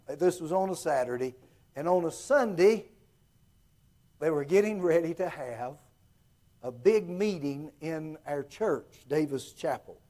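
A man with an Appalachian accent preaching in a folksy storytelling style, halting and circling back to repeat his phrases. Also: a little high, expressive, warm tone. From Appalachia, southwest Virginia.

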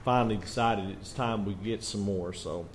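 A man leading a church service, stuffy from allergies, his voice muffled as if speaking inside a barrel, talking quietly and slowly. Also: fairly low pitch, a little hiss or hum. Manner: quiet, slow, soft-spoken. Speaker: pastor. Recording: dull, muffled church recording.

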